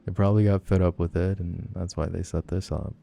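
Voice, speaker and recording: Man playing a teasing, gravelly low-voiced flirty guy. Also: little pitch movement, brisk, mellow, faint music behind. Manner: teasing, playful, rambling. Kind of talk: flirty personal-attention role-play, casual chat.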